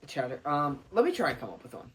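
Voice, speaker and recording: A man's voice: a little high, very animated, quick pace, a bit bright, husky. A young man co-hosting a podcast, answering in a hesitant way with many fillers. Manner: hesitant, lots of ums, laughs along. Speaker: podcast co-host. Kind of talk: casual comedic chat.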